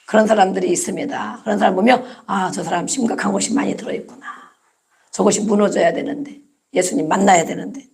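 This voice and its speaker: A woman's voice: medium pitch, gravelly. A woman pastor preaching a Sunday sermon, emphatic and repetitive, often prompting her listeners with "amen" and rhetorical questions.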